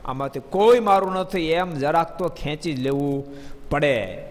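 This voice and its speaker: Male preacher, fairly high voice, animated sermon delivery, recorded in a reverberant hall. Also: a little slow. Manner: animated, addresses listeners by name, rising emphatic bursts. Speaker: swami preacher. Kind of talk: devotional sermon with storytelling.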